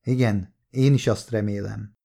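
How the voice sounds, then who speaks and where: A man reading the lines of a courteous male police detective who asks gentle, persistent questions, in an audiobook. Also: on the low side, fairly even intonation, gravelly.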